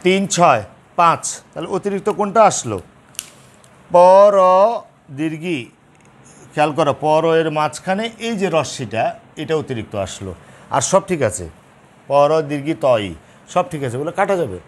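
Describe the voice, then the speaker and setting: Slow, careful man teaching. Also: on the high side, animated. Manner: slow, spelling out each sound piece by piece. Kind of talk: blackboard grammar lesson.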